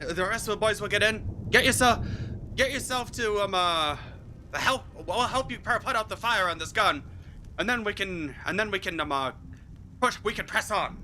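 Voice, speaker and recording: A man voicing a gruff male army officer who praises a soldier, talking in halting restarts. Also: high voice, sharp tone, a little hiss or hum, voice pushed up. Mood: hurried.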